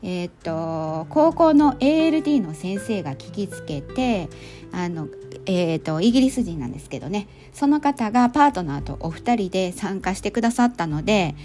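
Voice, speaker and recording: A middle-aged woman with a Kansai accent recounting her recent events in an easygoing monologue. Her voice is warm and mellow, her talk full of little fillers and relaxed turns of phrase, and soft music plays faintly behind her. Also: mid-range voice, normal speed. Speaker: storytelling volunteer and podcast host. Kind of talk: casual monologue recap.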